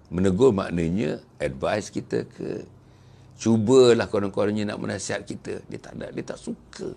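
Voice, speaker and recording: A man preaching with a Malaysian Malay accent, his low voice gravelly and husky. He swings his pitch widely, dropping to near whispers and rising for emphasis, in an animated, rhetorical delivery. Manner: animated, rhetorical, acts out angry people in whispers. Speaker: religious lecturer. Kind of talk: sermon lecture.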